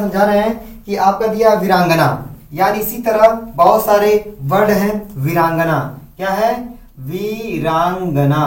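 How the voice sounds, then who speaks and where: Guy teaching grammar, highish voice, keeps asking "clear?" and answering himself, far from mic, roomy echo. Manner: repetitive, asks students questions and answers himself. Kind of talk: Hindi grammar lesson. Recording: echoey room, voice from a distance.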